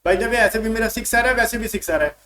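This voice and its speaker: Man, high pitch, exam-prep math teacher, casual "bhai" address, slow English questions. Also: pushed and bright, a little hiss or hum. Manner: calls students "bhai", reads English questions slowly.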